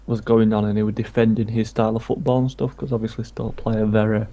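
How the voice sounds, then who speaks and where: A man's voice: on the low side, level tone, fast, dark tone. A man from England chatting casually about football while streaming a game, rambling from point to point. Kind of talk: casual chat while gaming.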